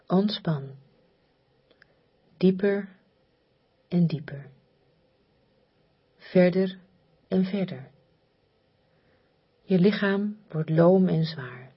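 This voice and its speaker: Woman, guided meditation, soft and very breathy, near whisper, slow soothing repetitive delivery, slightly dull recording. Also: lowish voice. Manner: soothing, hypnotic, repetitive, with long pauses. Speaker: relaxation guide.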